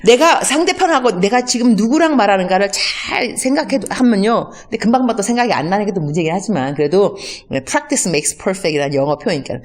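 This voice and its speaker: A woman's voice: mid-range voice, brisk, few pauses. A woman missionary giving a conversational teaching talk, acting out everyday dialogues and mixing in English words. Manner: acts out everyday dialogues in lively voices.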